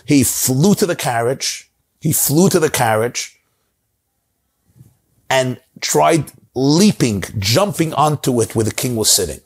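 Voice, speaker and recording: Slow and husky, this middle-aged man's expressive, medium-pitched voice carries an animated story told with drama and plenty of repetition. He gestures broadly, and a lapel mic records him in a book-lined study.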